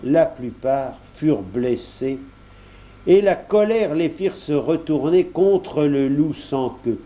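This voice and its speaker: A man's voice: on the high side, animated, slow pace, mellow. A man reading a children's story aloud, addressing the young listener directly and explaining as he goes.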